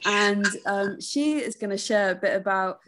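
A woman's voice: medium pitch, moderate pace, a bit bright. A middle-aged woman hosting an online workshop, speaking encouragingly with a few fillers over a video call from her living room. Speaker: workshop host. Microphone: laptop webcam on a video call.

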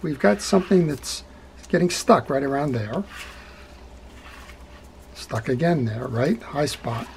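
A middle-aged man hosts a hands-on fishing reel repair tutorial at his indoor workbench, talking it through step by step. Talkative and folksy, he keeps checking in with "right?" His voice is high-pitched and gravelly, with slight background noise.

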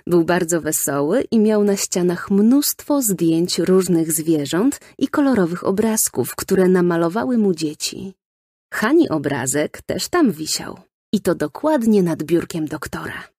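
A woman narrating a children's storybook in a lively storytelling manner, recorded close in a studio. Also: on the low side, unhurried, slightly rough, no room sound. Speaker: audiobook narrator.

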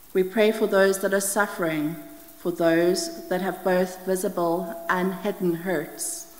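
A middle-aged woman from the Scottish Highlands reading prayers aloud at a church lectern, steady and careful, with small slips as she reads. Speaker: prayer leader. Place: church hall with brick wall, indoors. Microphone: stand mic at lectern, wide camera. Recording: long hall reverb.

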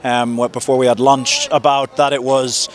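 A man in his thirties speaks as a football head coach in a post-match press interview. His delivery is measured and reflective, often leaning on "you know" and "look". He is outdoors, close to a cluster of handheld reporter microphones. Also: medium pitch, level tone. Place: outdoors at a stadium in front of a sponsor backdrop. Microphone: several handheld reporter mics held close.

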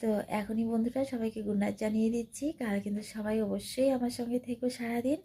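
A young woman with a fairly high voice chats away to her viewers in a relaxed home vlog. She talks to them like friends as she goes about her evening chores. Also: fast talker, breathy edge. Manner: chatty, addresses viewers as friends. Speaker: vlogger, mother. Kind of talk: casual home vlog narration. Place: home at night.

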